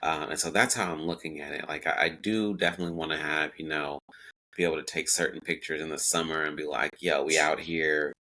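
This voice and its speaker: Very deep-voiced man in his forties. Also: fairly even intonation, brisk, bright, forceful tone, poor audio. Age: 40s. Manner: reflective, many fillers and self-quotes. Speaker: podcast guest. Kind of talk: casual interview talk.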